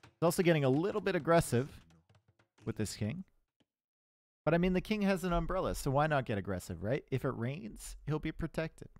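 In a dry recording, a man with a fairly high voice and a Canadian accent casts an esports match fairly quickly. He's chatty and jokey, trades banter with chat, leans on dry sarcasm, and erupts into excited shouting during tense moments.

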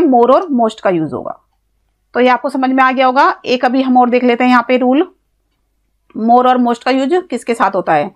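A woman with an Indian accent teaching an English grammar lesson, explaining step by step, spelling words out letter by letter, and asking questions that she then answers herself. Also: on the high side. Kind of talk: classroom-style grammar lesson.

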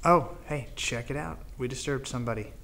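Exploring an abandoned barn-like building and its outdoor surroundings, an urban explorer narrates calmly and matter-of-factly, with filler pauses. His voice is medium in pitch. The audio comes from a handheld camera mic, with clear background noise.

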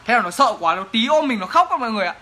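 Young guy, jokey chatty q&a vlog, bright voice, faint music in the background. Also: very high-pitched, very animated, racing. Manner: playful, joking, chatty with laughs. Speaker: vlogger. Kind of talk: casual Q&A chat to camera.

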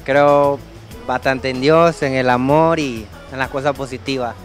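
Panamanian singer guy chatting easy in a cafe, medium pitch, light music behind. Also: steady tone, measured pace. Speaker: interviewed singer. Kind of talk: casual interview. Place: crêpe café.

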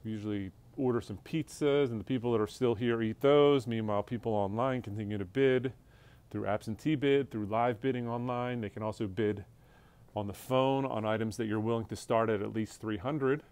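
This smooth-voiced auction house staffer tours the floor of a big indoor showroom full of furniture, narrating a casual preview walkthrough. His pitch is fairly low, his intonation fairly even, his speed normal, and his tone a little mellow. Speaking offhandedly, he lists items while walking, staying off screen as a handheld phone camera records.

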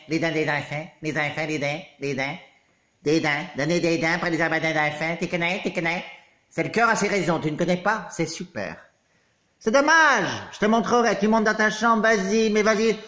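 A man playing a theatrical, touchy character who fusses over a returning friend, swinging from squeals to low mutters. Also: animated, moderate pace, bright, forceful tone. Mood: emotional. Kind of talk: comedy monologue.

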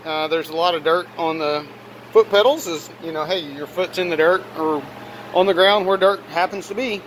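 High, bright-voiced man talking over a fan. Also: moderate pace, low-quality recording. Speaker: auto detailer presenting own work. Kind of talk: casual narrated walkaround vlog. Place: garage workshop, indoors. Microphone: handheld phone camera, operator behind it. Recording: steady fan noise in workshop. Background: running fan.

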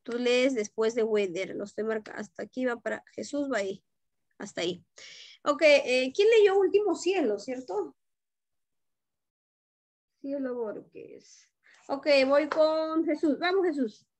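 A woman's voice: sits high, lively intonation, unhurried, long pauses, a little mellow, no room sound. A woman teacher leads an online class, correcting students' pronunciation and checking in often. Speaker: English teacher. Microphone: video call.

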